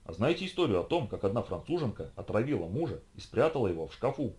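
A man's voice: lowish voice, sing-song, fast, darkish tone. A man voicing a dim-witted young male policeman, naive and questioning. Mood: curious.

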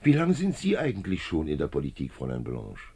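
An actor in a 1950s German radio play as a genial, wily older male police commissioner, jovial, chatty and slyly probing, with a husky voice. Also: rumbling low, wildly swooping pitch, a little fast, a little mellow, heavily acted. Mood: reflective, animated. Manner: jovial, chatty, sly probing with little chuckles.

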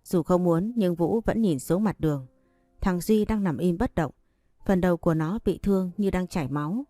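A woman reads a story aloud in a steady, even manner. Her voice is low and mellow, recorded close and dry with soft background music. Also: normal speed, dry recording. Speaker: audiobook narrator. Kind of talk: scripted story narration.

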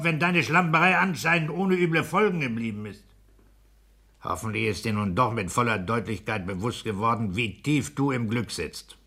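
In a 1960s German radio play, a male actor portrays a blustering, bullying, pedantic petty-bourgeois husband and civil servant, delivered domineering and emphatic. His exaggerated voice is medium-pitched, husky and sharp in tone.

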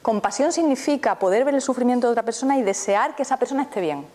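A woman's voice: a little high, lively intonation, fast talker, warm tone. A woman, a therapist giving a live mindfulness talk, who keeps turning to the audience with questions. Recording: reverberant hall, faint background noise.

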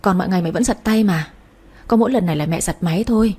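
A woman voicing a gentle, placating old grandmother in a spoken story. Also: lowish voice, fast, husky. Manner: soft, soothing, placating.

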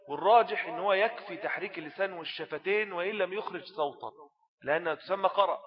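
A man's voice: fairly high pitch, dull audio. Egyptian man teaching a jurisprudence lesson. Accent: Egyptian Arabic. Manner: explains text in colloquial asides, often asks rhetorical questions. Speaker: religious teacher.

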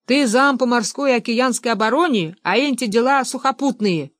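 A woman voicing a gruff, bossy older male official who scolds his son-in-law in a storybook reading. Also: very high voice, normal speed, fairly bright tone, no echo, clean studio sound, voice pushed up. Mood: angry. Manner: blustering, scolding.

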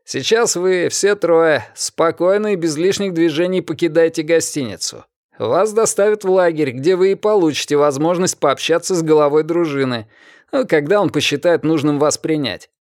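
A gruff, hot-tempered militia boss barks orders and threats, as a male narrator puts him on, his voice pushed up high and hard. The read is close and dry, with no room around it. This is a storybook tough guy who is used to getting his way. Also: moderate pace, darkish tone, no echo, close to an everyday voice. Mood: commanding. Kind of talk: audiobook character voice.

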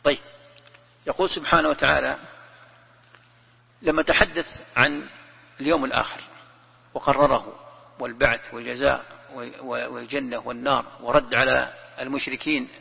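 A man, a sheikh, giving a classroom commentary lesson, who repeats his phrases and recites verses slowly and deliberately. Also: medium pitch, steady tone, gravelly, slightly rough. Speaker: sheikh teaching Quran commentary. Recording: long hall reverb, dull lo-fi sound.

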